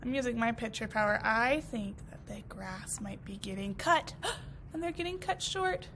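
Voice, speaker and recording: A woman teacher reading a picture book aloud to first graders, expressive and encouraging, asking them questions as she goes. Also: on the high side, moderate pace, a little hiss or hum.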